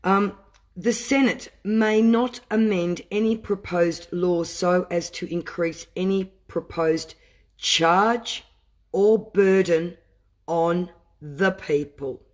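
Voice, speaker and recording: Man, higher voice, reads deliberately, then flares into heated commentary. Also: steady tone. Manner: deliberate reading broken by impassioned asides. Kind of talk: reading aloud and commenting.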